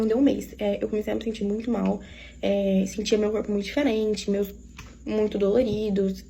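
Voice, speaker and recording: Fast-talking woman with a Minas Gerais accent. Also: medium pitch, dark tone, slight background noise. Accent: Minas Gerais Portuguese. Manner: confiding, keeps addressing listeners directly. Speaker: storyteller. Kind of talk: casual personal storytelling.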